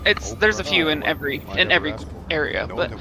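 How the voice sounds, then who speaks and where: A woman's voice: deep voice, animated, brisk, rough recording. An American woman in casual chat, candid, rambling and freely swearing.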